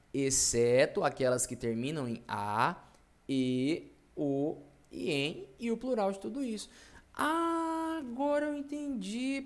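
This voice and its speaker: A man teaching a grammar class, who asks his own questions, answers them, and drops jokes along the way. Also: on the high side. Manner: jokey, playful asides. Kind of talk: recorded online class lecture.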